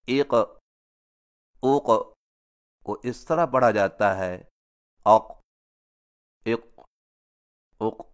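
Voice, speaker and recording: Smooth-voiced man teaching recitation. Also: fairly low pitch. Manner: explains calmly, then chants example words slowly and drawn out. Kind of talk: tajweed lesson with slow recited examples.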